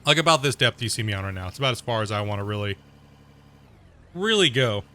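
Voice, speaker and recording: A gaming channel host with a lowish voice speaks quickly while commenting on his own gameplay. He's sick and losing his voice, yet he rambles on casually, explains terminology, and lets out excited outbursts at mishaps.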